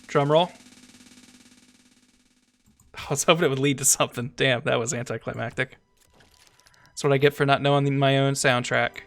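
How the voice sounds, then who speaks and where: A man streaming a strategy game, chatting casually, thinking aloud, talking to his chat, and sometimes reading game text aloud slowly. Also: medium pitch, steady tone, vocal fry, fairly bright tone, soft background music. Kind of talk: casual gameplay commentary.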